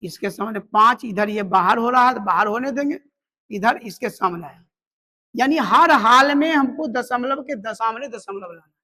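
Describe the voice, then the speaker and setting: A woman math teacher giving a step-by-step lesson, slowly explaining each step and counting digits aloud. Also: on the high side, lively intonation, sharp tone.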